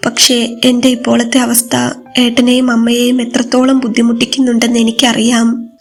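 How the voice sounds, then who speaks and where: A woman voicing a bedridden young wife who speaks softly and haltingly, pleading through tears. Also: a little high, monotone, soft background music. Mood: tearful plea.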